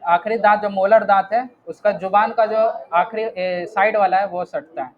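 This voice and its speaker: A man's voice: sits high, fairly even intonation, normal speed, lo-fi sound. A man teaching an Arabic grammar class online, patiently walking students through each word and often checking whether they follow.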